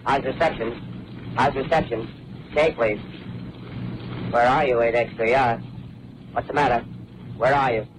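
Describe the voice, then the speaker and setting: Ham radio operator calling over the air. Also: male voice, mid-range voice, fairly even intonation, unhurried, long pauses. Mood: urgent. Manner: repeats call signs, urgent and searching. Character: male amateur radio operator calling for contact. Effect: distant ham radio transmission. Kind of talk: 1930s radio drama acting. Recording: distant, noisy old radio broadcast.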